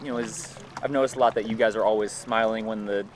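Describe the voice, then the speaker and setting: A man's voice: on the low side, fast talker, noisy background. An American man doing live sports commentary, explaining at an easy pace with frequent fillers. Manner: explanatory, relaxed, many fillers.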